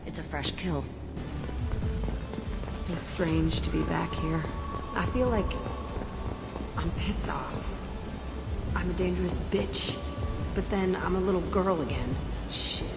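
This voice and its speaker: In a lowish voice, slow and with long pauses, an actress plays a profane, hardened young woman who used to be a test subject. The character is blunt and bitter and curses freely, and loud game music echoes behind her.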